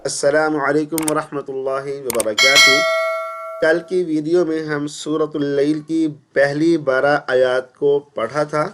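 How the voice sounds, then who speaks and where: A man teaching Quran pronunciation, asking and answering his own questions and reciting verses slowly and drawn out. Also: mid-range voice, fairly bright tone, slight background noise. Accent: Pakistani. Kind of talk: recitation lesson.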